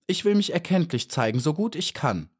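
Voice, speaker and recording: A man voicing a brave, proud little female bee in a storybook reading, with a high, eager, earnest voice. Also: very animated, a little fast, husky. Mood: pleading.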